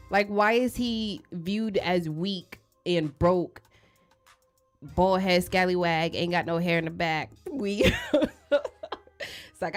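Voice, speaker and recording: A woman in her thirties co-hosting a casual studio podcast, outspoken and joking, often breaking into loud laughs. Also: lowish voice. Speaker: podcast co-host. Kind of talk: casual chat. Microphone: studio microphone.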